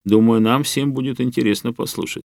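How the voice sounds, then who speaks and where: Audiobook: man playing an older professor, kindly, measured, dry close mic. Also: mid-range voice, steady tone, vocal fry, darkish tone, no echo, voice pushed up, close to an everyday voice. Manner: measured, reassuring, explanatory.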